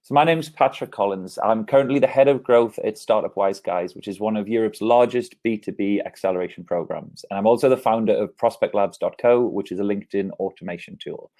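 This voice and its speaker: A man's voice: lowish voice, fairly quick, few pauses, a little mellow. A man in his thirties with an English accent, giving an upbeat keynote talk over a video call from his office. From England. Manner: upbeat, gestures with his hands as he talks. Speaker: keynote speaker. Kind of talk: online conference presentation. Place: office, indoors. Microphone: earphone mic on a video call.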